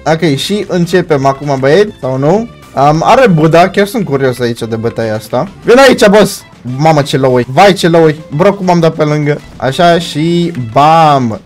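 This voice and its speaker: Hyped young guy commentating his game, kinda high voice, lil music behind. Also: few pauses. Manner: excitable, shouts and laughs at swings in the fight, mixes in English slang. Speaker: gaming YouTuber. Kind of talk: excited gameplay commentary.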